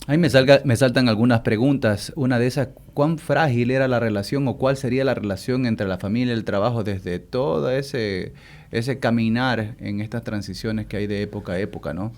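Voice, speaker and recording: A man co-hosts a talk radio discussion, asking his questions in long rambling turns full of restarts. His voice sits in a middle pitch. He sounds conversational and searching. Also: brisk, a little mellow. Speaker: co-host.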